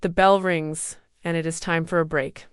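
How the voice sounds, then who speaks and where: A woman reading a storybook aloud for beginner English learners, slow, even and clearly spoken. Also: deep voice, dry recording, clean studio sound. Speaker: storybook narrator.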